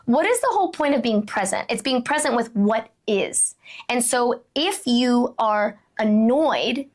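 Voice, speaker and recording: A woman in her thirties hosting a solo podcast, telling a personal story in a conversational way with frequent "right?" asides. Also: a little high. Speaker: podcast host.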